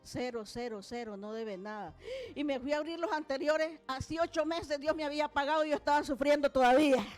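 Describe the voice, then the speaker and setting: A woman's voice: high-pitched, brisk, darkish tone, soft background music. A woman preacher giving an emphatic sermon to a church congregation, calling out to the people. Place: church service.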